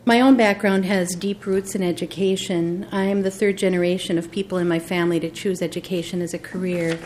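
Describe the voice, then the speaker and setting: A woman's voice: on the low side, steady tone, a little fast, darkish tone, slight background noise. An older woman from Minnesota giving earnest, folksy testimony before a committee. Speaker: board appointee. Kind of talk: formal testimony.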